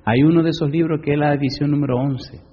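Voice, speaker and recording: Husky-voiced preacher in a hall. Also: male voice, fairly high pitch, fast, highs cut off. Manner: animated preaching with sudden loud questions and quiet asides. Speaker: pastor. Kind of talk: sermon.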